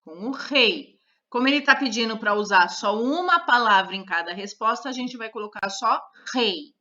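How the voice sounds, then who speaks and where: A woman teaching a third-grade lesson, repeating each word and counting its syllables with slow care. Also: on the high side, pushed and bright. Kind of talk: slow, careful classroom lesson. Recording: dull lo-fi recorded lesson.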